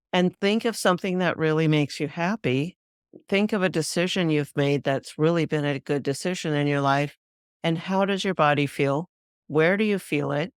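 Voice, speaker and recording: A spiritual teacher hosting her own podcast calmly guides listeners through a practice in an instructive solo talk, with measured explanations. Her deep voice is smooth and clear, and the sound is dry and close, with no room sound.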